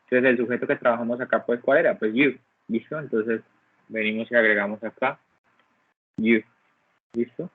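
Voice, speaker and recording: A husky, medium-pitched voice with fairly even intonation carries this online English grammar lesson at a moderate pace, broken by long pauses. The man patiently explains step by step and often checks in with the class, asking "¿listo?". Heard over a video call, the audio is dry and phone-like with no room sound.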